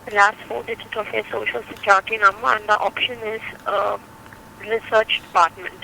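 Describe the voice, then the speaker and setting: A woman's voice: medium pitch, level tone, brisk, vocal fry, pushed and bright. A woman working as a call center agent, giving procedural instructions to a customer over the phone. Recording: phone line with faint noise.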